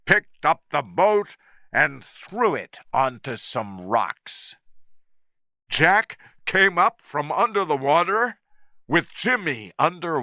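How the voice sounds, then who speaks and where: A man narrating a story at a very slow, deliberate pace for English learners. His voice is bright and lively in pitch, recorded dry and close. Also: dry recording. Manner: clear, deliberate reading.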